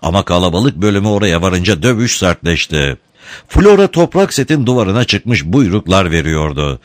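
A man with a fairly low voice reads a story in a lively, dramatic way, his pitch moving freely. The recording is dry and close, with no room sound. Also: normal speed, no echo. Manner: expressive, dramatic reading. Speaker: narrator. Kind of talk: audiobook narration.

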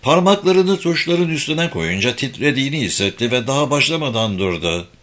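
A male narrator reads a novel aloud with an animated, rising and falling voice. His tone is bright and forceful, giving every sentence drive. The reading is close and clear, in plain audiobook style. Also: medium pitch, fairly quick. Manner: expressive storytelling. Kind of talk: scripted narration.

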